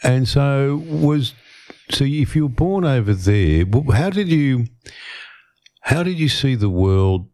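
A man's voice: medium pitch, animated, slow pace, darkish tone, no room sound. A man hosting a radio interview, asking probing questions and often rephrasing them. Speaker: radio host.

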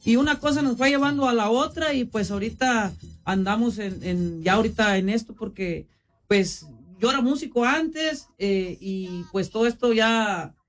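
High-ish guy rambling easy in a radio interview, lots of fillers. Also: moderate pace, soft background music. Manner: relaxed storytelling, many fillers. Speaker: guest, content creator.

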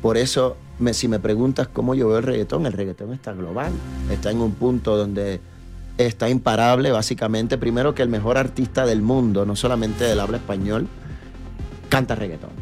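A man from New York, a reggaeton artist chatting as a guest in a relaxed interview, with lots of fillers and tag questions. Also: medium pitch, brisk, faint music behind. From New York, USA. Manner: animated storyteller, many fillers and tag questions. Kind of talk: casual interview chat.

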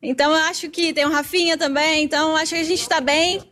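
A woman's voice: sits high, fairly even intonation, quick pace, fairly bright tone. A woman from Brazil with a Brazilian Portuguese accent, a football fan giving upbeat, confident answers in a street interview outside a stadium.

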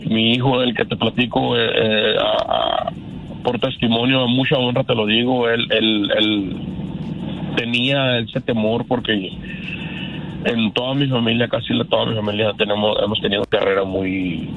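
A man in his fifties from Canada, calling in to a radio show to give a halting personal testimony, full of restarts and repeated words. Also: medium pitch, level tone, creaky, lo-fi sound, background noise. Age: 50s. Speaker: radio caller.

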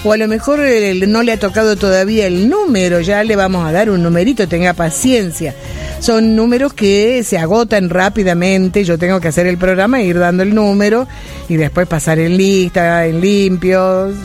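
A woman with an Argentine Spanish accent, hosting a late-night radio show and talking casually with listeners. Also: medium pitch. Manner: chatty, warm-hearted and reassuring with listeners. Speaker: radio host.

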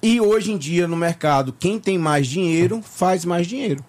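A man's voice: sits high, expressive, moderate pace, a little mellow. A man from Bahia, Brazil, talking as a tax lawyer guest on a radio morning show, chatty and full of fillers and repeats. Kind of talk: casual radio interview. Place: radio studio.

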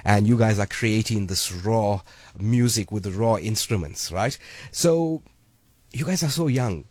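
Upbeat radio host. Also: male voice, lowish voice, animated, darkish tone, dry recording. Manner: upbeat, hyping, quick asides. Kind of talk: lively radio presenting. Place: radio studio. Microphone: studio microphone.

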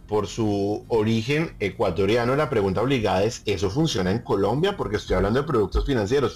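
A man with a mid-pitched voice hosts an interview. He lays out his questions step by step before putting them to his guest. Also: a little mellow, husky.

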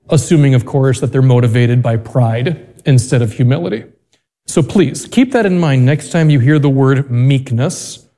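A man's voice: medium pitch, mellow. An American man speaking as a priest, reading scripture and preaching in a church with a cathedral-like echo. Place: large reverberant church.

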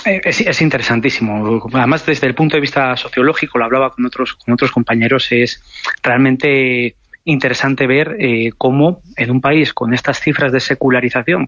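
A man speaks as a sociologist on a radio programme, weighing each point in a measured, analytical way. His voice comes through a dull, lo-fi remote line, close and dry with no room around it. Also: mid-range voice, fairly bright tone, no room sound. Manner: measured, analytical, thinking aloud. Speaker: sociologist guest.

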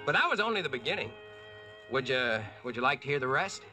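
A man's voice: medium pitch, sing-song, fast, pushed and bright, soft background music. An actor playing a brash, wisecracking American who narrates his own adventure in a slangy, cocky way, in 1940s radio drama style.

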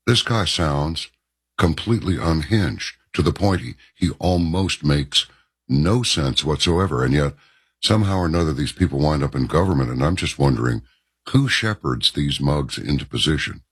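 A man's voice: extremely low pitch, animated, moderate pace, slightly rough, no room sound, studio quality. A man hosting a political interview, asking long rambling questions with stammers. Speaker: host.

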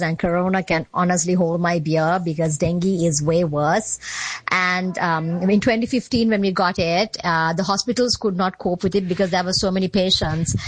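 A woman's voice: lowish voice, low-quality recording. A woman in her forties from Sri Lanka leaving an emphatic, casual voice message for a news programme. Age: 40s. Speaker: contributor. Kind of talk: recorded voice message.

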